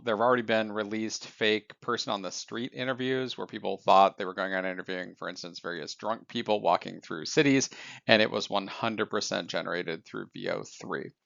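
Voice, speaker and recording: Gravelly, low-voiced male news presenter. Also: fairly bright tone, no room sound, highs cut off. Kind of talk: explanatory tech news narration.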